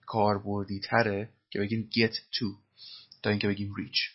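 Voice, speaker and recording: A man's voice: fairly low pitch, monotone, slightly rough, lo-fi sound. A man teaching English through film lines, explaining phrases patiently and methodically. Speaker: language teacher.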